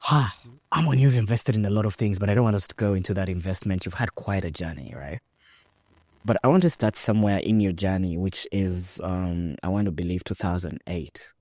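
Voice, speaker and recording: Deep-voiced male podcast host. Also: brisk, no echo, studio quality. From Rwanda. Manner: lively, emphatic, with frequent fillers. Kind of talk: conversational interview.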